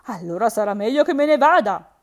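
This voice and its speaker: A woman's voice: fairly high pitch, animated, fairly quick, lightly acted. A woman voicing a vain, blustering rhinoceros in a spoken fairy tale.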